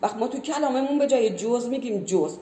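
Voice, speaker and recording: A woman's voice: on the high side, animated, warm tone. A woman who teaches language, explaining earnestly in conversation and giving many spoken examples. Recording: roomy echo.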